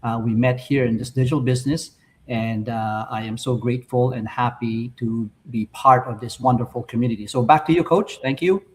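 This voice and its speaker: An older man from the Philippines speaks as a guest on a podcast chat, in a voice of average pitch. He is polite and fills his pauses with many "uh" sounds. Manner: polite, with frequent "uh" fillers.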